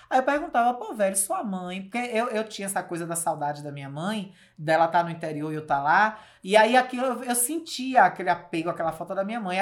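Journalist, woman, colloquial and animated, mid-range voice. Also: mid-range voice. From Bahia, Brazil. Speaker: journalist interviewee. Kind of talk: casual storytelling interview.

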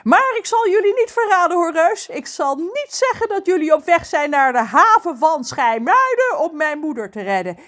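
Brief: woman playing a babbling mermaid, high, lively and gushing. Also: moderate pace, few pauses, exaggerated voice. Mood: chattering. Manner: rattling on breathlessly. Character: chattering excitable female mermaid. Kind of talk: storybook character voice.

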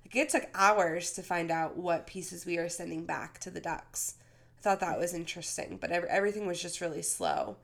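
A woman's voice: lowish voice, normal speed, vocal fry. A woman co-hosting a podcast with casual sports talk, speaking while sick with a cold. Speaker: podcast co-host.

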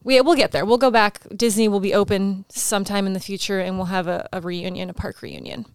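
A woman's voice: medium pitch, brisk, smooth, no room sound, studio quality. A woman hosting a casual chat show in a chatty, giggly manner. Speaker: show host.

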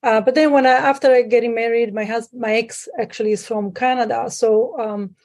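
A woman from Sicily, a guest on a call, talking through her past with many pauses and fillers. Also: on the high side, fairly even intonation, darkish tone. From Sicily, Italy. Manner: hesitant, many fillers, restarts. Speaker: guest, private lender. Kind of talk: conversational interview. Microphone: remote call.

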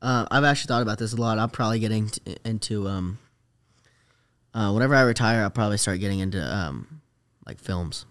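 A slangy, hesitant young man in his late teens or young adulthood rambles casually as a podcast guest; he rides rodeo. His lowish voice is smooth and a little bright, and he talks fairly quickly.

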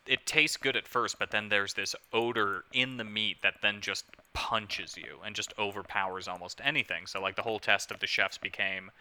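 A man's voice: on the low side, sharp tone, clear, resonant tone. A man hosting a casual podcast chat, rambling along with lots of "um"s and "like"s. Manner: rambling, with many fillers. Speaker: podcast host.

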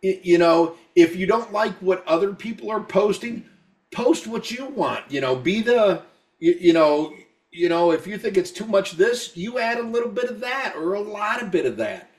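A high-pitched man, tipsy from drinks, rants in a rambling, profane stream as a podcast co-host. He talks heatedly and repeats himself. His voice sounds a little distant from the microphone. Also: expressive, normal speed. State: drunk. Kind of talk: casual podcast rant.

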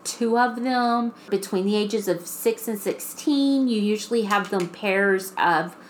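A woman co-hosting a podcast, telling a creepy story in casual chat with drawn-out, restarting phrases. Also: mid-range voice, slight background noise. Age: adult mother. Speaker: podcast co-host.

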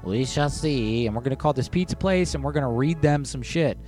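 A man's voice: fairly high pitch, fast talker, darkish tone. A man hosting a livestream, chatting casually to his viewers. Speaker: livestream host. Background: music.

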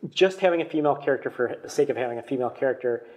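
A man's voice: mid-range voice, lively intonation, very fast, a little mellow. A man in a casual fan discussion, giving firm opinions and steering the conversation back on track. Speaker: panelist.

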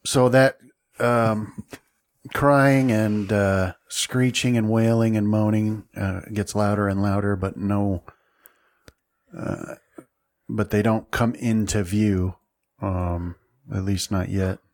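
A man narrating a tabletop game as game master, halting and full of fillers as he describes the scene. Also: fairly low pitch, steady tone.

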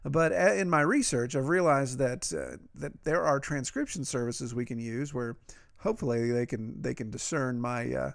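Gravelly Appalachian man hosting a podcast. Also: medium pitch, normal speed. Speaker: podcast host. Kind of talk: casual, conversational podcast monologue.

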